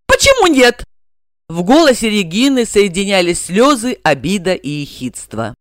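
Woman reading an audiobook, really animated dramatic voice, dry close sound. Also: medium pitch, normal speed, dry recording. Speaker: narrator. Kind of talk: expressive audiobook narration.

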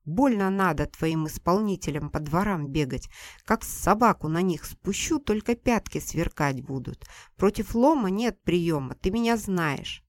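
Brief: woman voicing a harsh older mother, coarse and shouting, pitched up, dry booth sound. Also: lively intonation, measured pace, dry recording. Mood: furious. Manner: scolding, loud, coarse.

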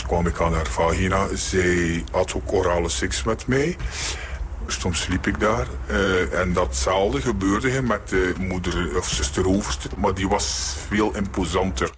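A man speaking anonymously in a news report, his voice disguised and pitched down deep, talking in halting, plain statements. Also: steady tone, background noise.

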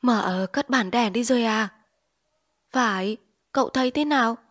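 A woman's voice: on the high side, unhurried, fairly bright tone, voice pushed up. A woman reading an audiobook, voicing a desperate male opium addict in withdrawal who whines and begs. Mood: whining. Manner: whining, pleading, frantic.

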